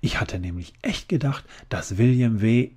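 A man voicing a small, sweet young grim-reaper boy who chats in a high voice, in a relaxed ASMR story reading. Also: moderate pace, breathy edge. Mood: chatty. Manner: high, chatty.

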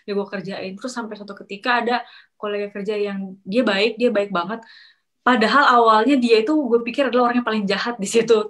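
A young woman casually telling a personal story, chatty and animated, acting out what others said. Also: mid-range voice. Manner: animated, acts out quoted coworkers with sharp rises; chatty, many fillers and restarts, slangy. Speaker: storyteller sharing a work experience. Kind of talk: casual chat, confiding story.

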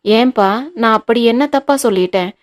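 A woman voicing a stern, sharp-tongued older mother-in-law who scolds in cutting retorts, in an audiobook reading. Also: a little high, moderate pace, lightly acted. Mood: firm.

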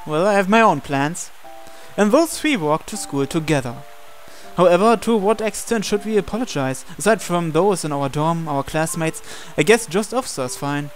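With an animated delivery at a moderate pace, a man with a higher voice reads a visual novel in character, speaking for the male protagonist through both dialogue and narration. Music plays underneath.

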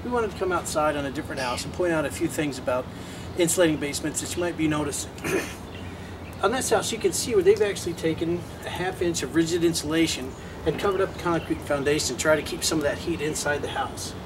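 A man in his thirties with a rather high voice talks quickly while walking through a home improvement job outside a house and in a basement. He explains step by step, tripping over words and correcting himself, and the audio is roomy and distant with faint hiss.

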